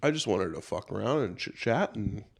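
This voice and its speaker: A man's voice: on the low side, expressive, gravelly. A man co-hosting a podcast, a little drunk, joking and swearing while laughing a lot. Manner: joking, profane, quick to laugh. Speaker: podcast co-host. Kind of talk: casual chat.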